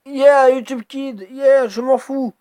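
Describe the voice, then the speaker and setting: A man giving let's play commentary, swearing a lot and exclaiming excitedly as he talks to himself. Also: extremely high pitch, takes it slowly, no echo. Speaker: gamer.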